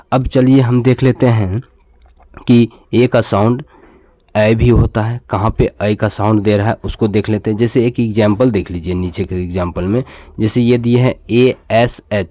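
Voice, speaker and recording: A man's voice: fairly low pitch, no echo. A man teaching an English pronunciation lesson, patiently repeating each word and asking the class to say it back. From India. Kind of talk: classroom lesson, explaining step by step. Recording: tinny phone-like dry sound.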